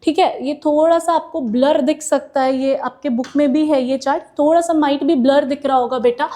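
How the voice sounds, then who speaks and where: Woman, high pitch, mellow tone, classroom lecture, homely examples, Indian English accent. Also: steady tone, normal speed. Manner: explains with homely examples, calls students "beta"; mixes English terms into Hindi, frequent "theek hai". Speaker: biology teacher.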